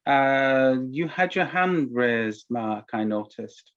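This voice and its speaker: Chairing an online workshop Q&A, this man speaks slowly at a medium pitch with lively intonation. His manner is courteous and unsure, and he keeps starting phrases over. It's captured over a video call with a dull, lo-fi quality.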